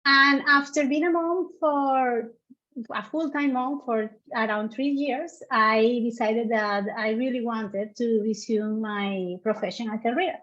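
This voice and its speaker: A woman who works as a front-end software engineer, telling her story earnestly with hesitant fillers. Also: a little high, dull audio. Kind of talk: casual panel interview.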